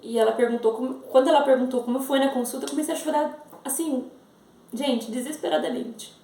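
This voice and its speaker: A Brazilian woman in her thirties tells her viewers a heartfelt personal testimony. Her voice sits a little high, with a gravelly fry and a mellow, dark tone. The recording has a noticeable echo from the room. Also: steady tone, brisk, recorded from a distance. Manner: earnest, repeats phrases, addresses viewers directly. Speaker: mother sharing a faith testimony.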